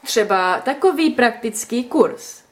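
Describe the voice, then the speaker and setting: A woman reading a story aloud, voicing a teasing, mock-gallant young man in her own lively voice. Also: on the high side, natural voice. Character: teasing, cheeky young man, the story's first-person hero.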